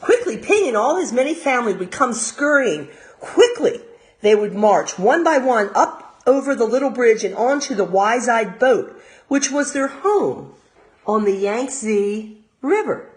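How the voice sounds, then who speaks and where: An American woman reads a storybook aloud the way a teacher of young children would, full of expression and stopping for simple explanatory asides. Her voice sits a little high.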